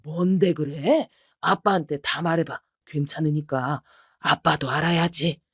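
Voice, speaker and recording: A woman's voice: fairly low pitch, moderate pace, a little mellow, dry recording, clean studio sound, close to an everyday voice. A woman voicing an elderly father who scolds and then soothes his daughter in a story reading. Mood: worried. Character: elderly father, gruff but caring.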